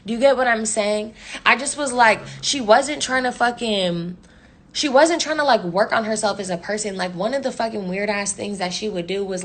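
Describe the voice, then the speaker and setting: A young woman telling a story in casual slang, swearing constantly and acting out the people she quotes. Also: mid-range voice. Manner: profane, slangy, animated retelling with quoted voices.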